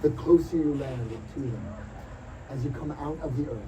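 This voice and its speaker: High-pitched man, theatrical game master at a fair. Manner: dramatic, drawn-out suspenseful announcing with exclamations. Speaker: game master and live show host. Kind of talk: theatrical improvised storytelling for a live tabletop role-playing show. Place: outdoor stage at a Renaissance fair. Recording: distant mic, loud crowd and noise.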